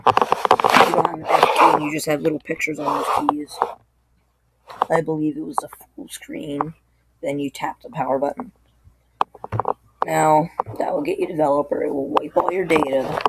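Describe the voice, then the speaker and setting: Sick, gravelly-voiced tech tutorial host. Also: medium pitch, very noisy. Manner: halting, apologetic, loses train of thought. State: sick, hoarse voice. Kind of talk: casual screen-recording tutorial.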